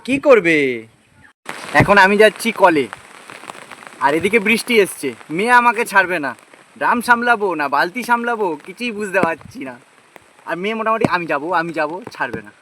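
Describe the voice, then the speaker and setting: High and sharp, with slight background noise, the voice belongs to a young West Bengal vlogger. He chats through casual daily life on a handheld phone at his rainy village home, partly outside, coaxing his small daughter.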